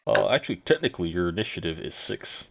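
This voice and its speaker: A man's voice: sits low, lively intonation, quick pace, vocal fry, noisy background. A man playing a tabletop game, chatting casually and jokingly over a voice chat mic.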